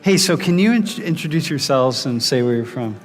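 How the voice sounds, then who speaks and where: In a reverberant lecture hall with background music, a male university professor gives a brisk, expressive lecture in a mid-range voice. He keeps putting questions straight to the students and often restarts what he's saying.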